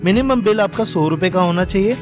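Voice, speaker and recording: Young guy w indori hindi accent, chatty cafe vlog voiceover, kinda high voice, light music under it. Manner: chatty, enthusiastic, listing items quickly. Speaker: food vlogger. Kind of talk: casual vlog voice-over.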